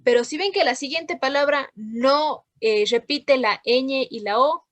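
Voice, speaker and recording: Female teacher on an online class, high-pitched and dry, patient explainer. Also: a little slow, dry recording. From Ecuador. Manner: patient, checks in with frequent questions.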